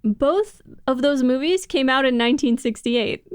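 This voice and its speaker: Smooth-voiced woman podcast co-host. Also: high-pitched, moderate pace, no echo, studio quality. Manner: explanatory, laughs often while talking. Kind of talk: casual podcast discussion.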